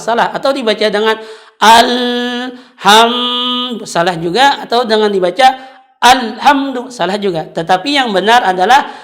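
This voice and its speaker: A woman teaching Quran recitation, patiently explaining and chanting drawn-out example syllables. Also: medium pitch.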